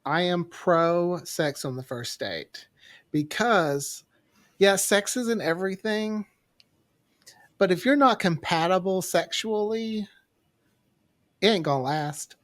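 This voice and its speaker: A man's voice: high-pitched, slow pace, long pauses. A man chatting casually and candidly as a podcast co-host, playful and prone to wandering off topic. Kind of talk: casual chat.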